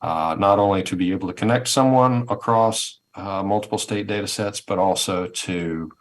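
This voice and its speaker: A man with a low, deep voice presents on a webinar over a video call. He speaks conversationally and thoughtfully, circling back and repeating words as he works toward each point. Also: normal speed. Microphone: video call headset or laptop mic.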